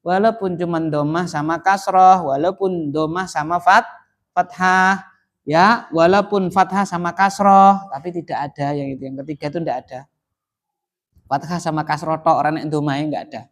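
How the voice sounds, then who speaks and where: A man's voice: on the high side, fairly even intonation, normal speed. A middle-aged man, teaching Arabic grammar to a class and constantly quizzing the students with prompts. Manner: quizzing students with repeated "apa, Pak?" prompts. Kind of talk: classroom lesson with call and response.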